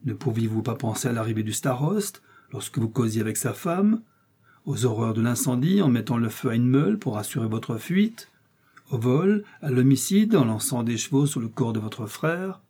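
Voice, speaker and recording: A man's voice: mid-range voice, sing-song, normal speed, dark tone, husky. A man voicing a sinister, mocking man in a red coat, speaking with cold scorn in an audiobook reading. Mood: scornful.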